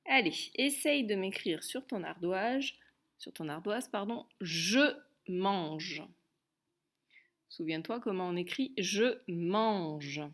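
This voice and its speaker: A woman's voice: mid-range voice, lively intonation, takes it slowly, fairly bright tone. A woman teaching a dictation lesson to young pupils, patiently repeating each word and spelling out its sounds. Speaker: primary school teacher.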